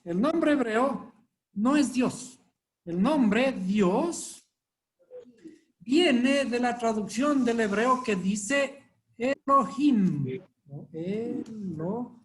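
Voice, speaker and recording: A man's voice: very high-pitched, lively intonation, extremely slow. A man teaching a live Bible study class, constantly quizzing his listeners with rhetorical questions. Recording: echoey room with faint noise.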